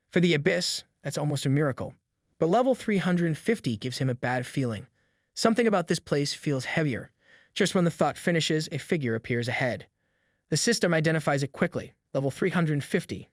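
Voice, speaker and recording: A man reading a scripted story recap as narrator, steady and building louder when the stakes rise. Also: fairly high pitch, no room sound, studio quality.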